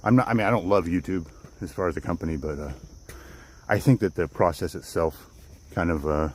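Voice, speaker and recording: A man with a low, somewhat mellow voice and a breathy edge talks briskly to livestream viewers during a walk in the woods. Casual and rambling, he often repeats or restarts phrases, and the recording carries crickets, insects and other nature sounds.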